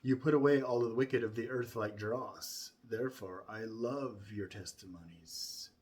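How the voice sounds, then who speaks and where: A man with a fairly low voice recites a Bible passage from memory, very slowly and solemnly. He lays out each phrase with care, starting with emphasis and letting it fade softly at the end.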